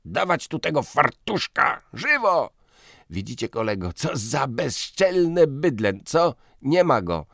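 A man reading an audiobook, voicing a quarrelsome, blustering newspaper editor who shouts in indignant outbursts. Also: medium pitch, very animated, a little slow, vocal fry, few pauses, dry recording, clean studio sound, voice pushed up. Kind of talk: audiobook character voice.

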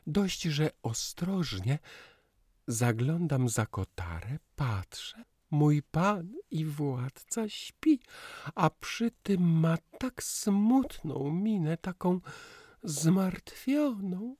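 A man voicing a cheerful, playful young wife who chatters brightly. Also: low voice, extremely slow, no room sound, studio quality, pitched above the performer's own voice, exaggerated voice. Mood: chattering. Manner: chirpy, lively storytelling.

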